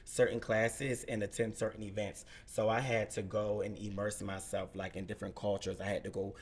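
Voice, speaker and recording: Therapist guest, man in his thirties, slightly low voice, patient explainer. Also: little pitch movement, normal speed, slightly rough. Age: 30s. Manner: explanatory, asks rhetorical questions. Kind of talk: casual podcast chat.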